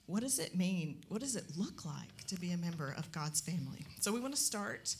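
A woman's voice: on the low side, big pitch swings, a little fast, slight background noise. Earnest woman reading scripture in church. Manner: earnest, reads scripture aloud. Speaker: co-preacher. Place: church sanctuary.

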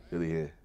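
A man's voice: low-pitched, mellow. A man preaching a sermon, candid and self-mocking, acting out his own inner dialogue as he tells stories. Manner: storytelling with acted inner dialogue.

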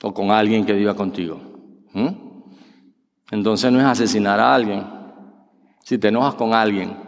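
A middle-aged male pastor preaching a sermon, peppering the congregation with rhetorical questions and acting out quoted voices. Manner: acts out quoted voices with sudden pitch jumps. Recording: long hall reverb.

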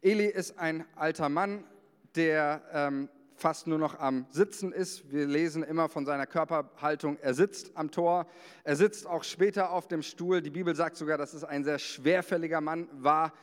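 A man's voice: on the high side, fairly even intonation, normal speed, clear, resonant tone. A male pastor preaching a sermon at a church service, reading scripture aloud and then explaining it in plain talk. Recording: long hall reverb.

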